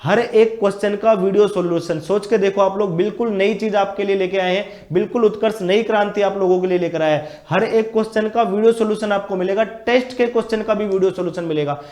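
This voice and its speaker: A man teaching exam strategy in an energetic, repetitive way, often calling his viewers brothers and friends. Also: high voice, quick pace, few pauses, echoey room. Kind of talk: exam strategy lesson with batch promotion.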